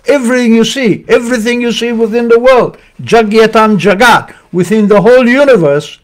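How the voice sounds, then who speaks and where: An older man giving an earnest, emphatic sermon on scripture, speaking from his living room into a webcam. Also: high voice. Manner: earnest, emphatic preaching with measured pauses. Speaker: spiritual teacher.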